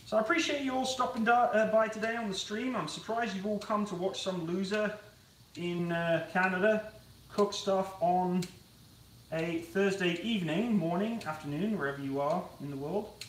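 On a live stream from his home kitchen, a young man cooks and chats casually, rambling and poking fun at himself. His voice sits high at a normal speed, picked up by a camera on a tripod across the room, so the sound is roomy and distant with a little hiss or hum.

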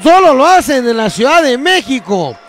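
Very high, gravelly Mexican male wrestling commentator. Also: moderate pace, soft background music. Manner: excited wrestling commentator, emphatic, repeats phrases, shouts. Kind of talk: live lucha libre colour commentary. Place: large packed indoor arena, ringside.

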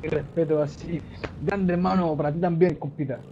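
Young chilean man, live-stream chatter, mellow tone, higher voice, muffled lo-fi audio, faint hiss. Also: normal speed. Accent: Chilean Spanish. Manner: excitable, swears a lot, shouts greetings to viewers. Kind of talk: casual live-stream chat. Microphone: desktop microphone.

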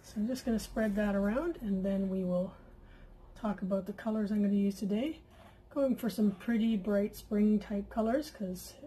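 In a husky mid-range voice, a woman from Canada chats casually while painting at her craft table at home, hosting a paint-pouring channel with plenty of fillers and asides. She feels her voice slipping away, and the recording sounds rough.

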